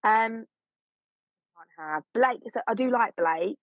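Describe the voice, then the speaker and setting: A woman's voice: fairly high pitch, lively intonation, takes it slowly, no room sound. A woman co-hosting a podcast, chatting casually with a candid, jokey and blunt manner. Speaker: podcast co-host. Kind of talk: casual chat. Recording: slightly dull, dry recording.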